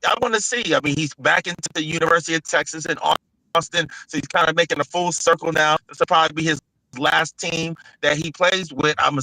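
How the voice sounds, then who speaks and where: A man's voice: on the high side, fairly even intonation, brisk, pushed and bright, dry recording, low-quality recording. A man chatting casually about sports on a remote call whose audio is choppy and breaking up. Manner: loose slangy talk. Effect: choppy glitchy call audio. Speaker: podcast panelist. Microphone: remote video call.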